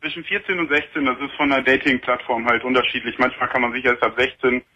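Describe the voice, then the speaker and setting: A man's voice: medium pitch, fairly even intonation, fast, sharp tone, breathy edge. Young man talking over a speakerphone. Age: 20s. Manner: earnest, explaining at length with many fillers. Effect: heard over a speakerphone. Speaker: caller. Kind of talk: casual chat on a late-night call-in radio show. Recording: dull phone line on radio.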